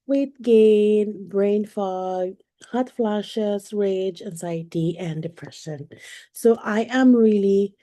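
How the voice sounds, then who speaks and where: Woman in her forties, coach presenting slides online, mellow tone, dry computer mic. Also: mid-range voice, dry recording. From Philippines. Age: 40s. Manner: halting, with frequent fillers and self-corrections. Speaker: perimenopause coach.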